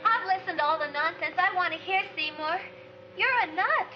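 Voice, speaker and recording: A sweet but exasperated young girlfriend in a vintage comedy film. Her voice is extremely high and girlish. The old soundtrack is dull, with music behind her. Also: expressive, moderate pace. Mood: hurt, fed up. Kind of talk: 1960s comedy film acting.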